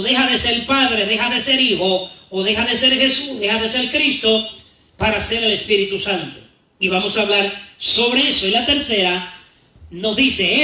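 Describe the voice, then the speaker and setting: A man with a high, very bright voice teaches from the Bible at a slow, deliberate pace, repeating key words to drive them home. He sounds set back from the microphone in an echoey church hall. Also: recorded from a distance. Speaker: preacher.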